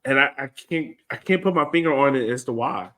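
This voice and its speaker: Animated and fairly quick, a fairly bright, medium-pitched American man co-hosts a soccer podcast as a supporter of the game. His casual sports talk is conversational, thought out aloud, and loaded with "like."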